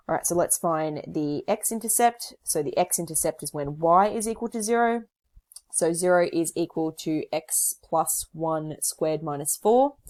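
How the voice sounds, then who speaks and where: Woman, maths teacher, low voice, slightly hoarse, step-by-step working. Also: a little mellow. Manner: talks through working step by step, casual fillers. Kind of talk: recorded whiteboard lesson.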